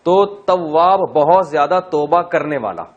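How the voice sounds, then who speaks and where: A man teaching Quran grammar in a class, explaining step by step, asking and answering his own questions, and chanting verses slowly. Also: a little high, expressive. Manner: chanted slow Arabic verse recitation. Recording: dull lo-fi recording.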